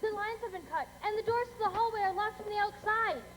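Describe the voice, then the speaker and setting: Brief: student actress as a commanding heroine, very high voice, echoey stage. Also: female voice, quick pace, a bit bright, faint music behind. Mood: determined. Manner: bold and commanding. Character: tough young woman taking charge, Connie. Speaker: stage actor in a school play. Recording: echoey auditorium, faint noise.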